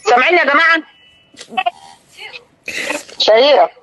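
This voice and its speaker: An older woman with an Egyptian accent hosting a live stream, talking in an indignant, scolding, rapid-fire way to her viewers and a caller. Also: high-pitched, animated, pushed and bright, poor audio. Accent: Egyptian Arabic.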